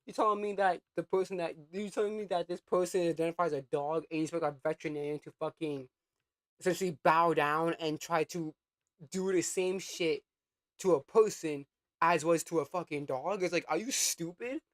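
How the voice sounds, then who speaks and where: A man's voice: a little high, moderate pace, dry recording. A young adult man co-hosting a reaction show, ranting in casual chat with lots of stammered restarts, swearing and mockery. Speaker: co-host reacting to clips.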